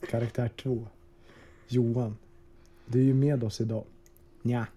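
A man's voice: mid-range voice, level tone, dark tone, slight background noise. A man hosting a podcast, reading in a pompous, mock-dramatic storyteller tone over a video call. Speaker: podcast host. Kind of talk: mock-dramatic reading, then casual chat.

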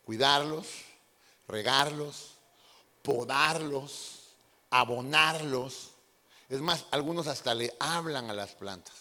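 Un hombre predicando un sermón animado a su congregación, con humor y preguntas directas al público. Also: male voice, medium pitch, slow, sharp tone, long reverb tail. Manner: playful, addresses the congregation directly. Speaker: pastor. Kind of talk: lively sermon with acted-out impressions. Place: church hall.

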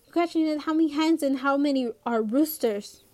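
Lady reading as a strict dad at the dinner table, scolding and measured, voice sitting fairly high, storybook read-aloud. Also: darkish tone, lightly acted. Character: stern middle-aged father at dinner.

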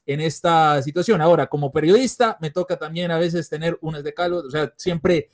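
A man's voice: fairly high pitch, normal speed. A man from Colombia, a sports journalist and podcast guest, talking enthusiastically and rambling with fillers. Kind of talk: casual podcast chat.

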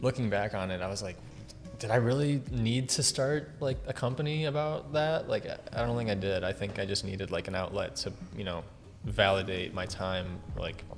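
A man's voice: on the low side, moderate pace, faint music behind. A man, a filmmaker, chatting casually in a rambling way full of "like" and "you know", his voice carrying a big hall echo. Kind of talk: casual group chat. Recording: echoey hall reverb.

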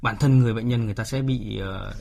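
A man's voice: lowish voice, fast, gravelly, a little mellow, a little hiss or hum. A man explaining as a doctor, asking his own rhetorical questions and then answering them. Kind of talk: spontaneous medical explanation.

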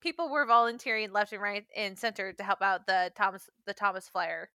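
A woman's voice: mid-range voice, brisk, bright, forceful tone, smooth, no echo. A woman co-hosting a casual history podcast, reading from notes with jokey asides and frequent laughter. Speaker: podcast co-host.

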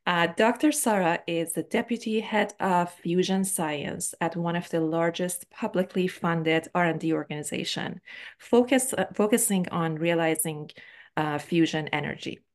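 A woman's voice: fairly low pitch, normal speed. A woman hosting a podcast, welcoming her guest enthusiastically and asking questions. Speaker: podcast host.

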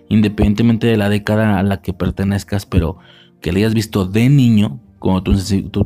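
A young Mexican man talks through a film in a loose, rambling commentary, peppered with slang and fillers. His voice sits low and mellow, with a little music under it. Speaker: podcast host reviewing a film. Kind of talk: casual spoken film commentary.

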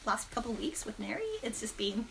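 A woman's voice: on the high side, fairly even intonation, a little fast, gravelly, fairly bright tone, a little hiss or hum. A woman in her thirties, a podcast co-host, talking through personal reflections on faith in a rambling, candid way, laughing often. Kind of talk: casual faith chat.

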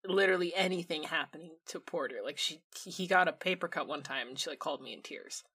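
Blunt, wry woman with a bright voice. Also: sits low, quick pace, slightly rough. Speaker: improv player. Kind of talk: improvised comedy role-play.

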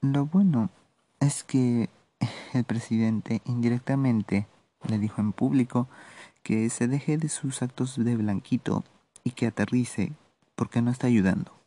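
A man with a Peruvian accent hosting a solo podcast, giving political commentary in a measured, sardonic way with halting pauses. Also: mid-range voice, dark tone. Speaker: podcast host.

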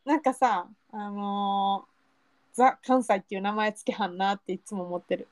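A woman's voice: mid-range voice, fairly even intonation, moderate pace, darkish tone, no echo. A young woman with a Kansai accent, co-hosting a casual chat podcast and laughing often. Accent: Kansai Japanese. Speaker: podcast co-host.

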